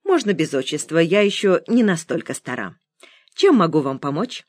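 Woman reading a calm, courteous younger woman. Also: low-pitched, normal speed. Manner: quiet, courteous. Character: calm polite woman with a pleasant soprano.

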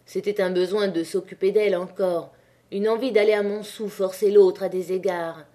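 A woman narrating a classic novel as an audiobook in a measured, even reading. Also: mid-range voice.

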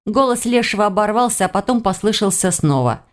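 A woman's voice: mid-range voice, a little fast. Woman narrating a fantasy audiobook. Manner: lively, expressive storytelling. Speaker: audiobook reader. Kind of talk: scripted first-person narration.

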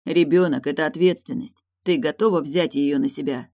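A woman reading an audiobook voices a restrained, serious young man, measured and firm. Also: low voice, dark tone.

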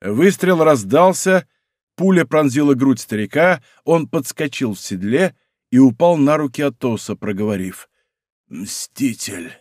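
A man narrating a historical adventure audiobook in an expressive, theatrical way. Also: a little high, moderate pace, dry recording, studio quality.

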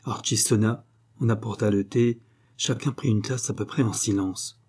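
Mellow, husky male audiobook narrator. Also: lowish voice, steady tone, moderate pace. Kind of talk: scripted narration of a classic novel.

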